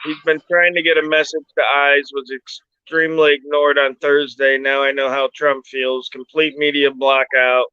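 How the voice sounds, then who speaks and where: A man's voice: mid-range voice, level tone, moderate pace, few pauses, bright, forceful tone, clear, resonant tone, dry recording, highs cut off. A man hosting a casual livestream, chiming in with agreement and reading viewer comments aloud. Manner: affirming, reads viewer comments. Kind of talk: casual group chat.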